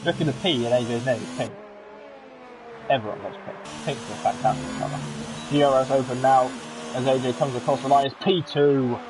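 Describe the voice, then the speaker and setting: Excitable commentator calling a sim race over loud car engine noise. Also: male voice, mid-range voice, fairly quick. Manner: excitable, chatty with jokey asides. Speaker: sim racing league commentator. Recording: game engine noise under the voice. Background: racing car engine sounds from the game.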